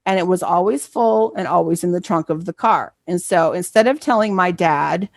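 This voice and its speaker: A middle-aged woman who coordinates library programs gives a presentation in a chatty, storytelling style, often checking for agreement with "right?" Her voice sits on the low side, gravelly, at a moderate pace. There's no room sound in the recording.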